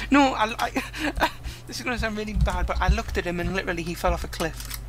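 A man chatting excitedly while playing a game with a friend, often yelping and laughing. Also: high voice, a little fast. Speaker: co-host. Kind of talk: casual gameplay chat.

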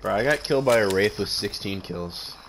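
A man's voice: on the low side, lively intonation, a little fast, a bit bright, a little hiss or hum. A man chatting casually while gaming, teasing and swearing with his teammate. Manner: joking, swears, teasing banter. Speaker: gamer streamer.

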